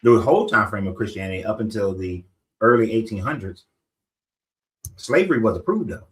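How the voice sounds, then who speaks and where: A middle-aged man with a low voice lays out his point of view in a casual discussion. He explains step by step and checks in with rhetorical questions as he goes. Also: animated, fairly quick, rough recording.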